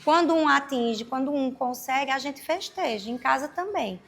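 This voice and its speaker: A woman educator talks parents through everyday advice, patient and explanatory. Her voice sits high and has a strongly gravelly, fried edge. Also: expressive, moderate pace. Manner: warm, explanatory, acts out little scenes. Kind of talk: informal advice talk.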